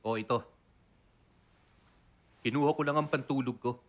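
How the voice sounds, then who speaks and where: An actor dubbing a curt, matter-of-fact young company heir. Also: male voice, medium pitch, steady tone, moderate pace, natural voice. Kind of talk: Tagalog drama dub.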